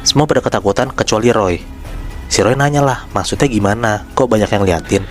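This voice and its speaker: A man hosting a podcast, telling a horror story in a relaxed, chatty way and addressing his listeners by name. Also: fairly low pitch, brisk, soft background music. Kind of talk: casual spoken storytelling.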